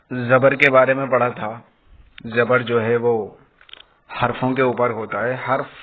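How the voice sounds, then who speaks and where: A man teaching an online lesson on reading letters and vowel marks, explaining patiently and often checking in with his students. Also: medium pitch. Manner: slow, emphatic recitation drill of letter sounds. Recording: tinny phone-like sound with faint noise.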